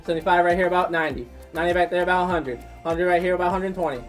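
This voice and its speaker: A man's voice: sits high, fairly even intonation, racing, soft background music. A man working as an auctioneer, calling out bids and repeating prices in a chant. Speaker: auctioneer and host. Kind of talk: live auction calling of game lots.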